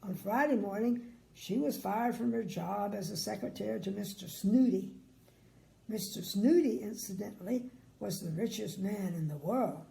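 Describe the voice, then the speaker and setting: Sweet old lady, very creaky voice. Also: mid-range voice, moderate pace, dark tone, poor audio. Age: older. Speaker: grandmother reading bedtime stories. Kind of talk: read-aloud children's story with chatty asides.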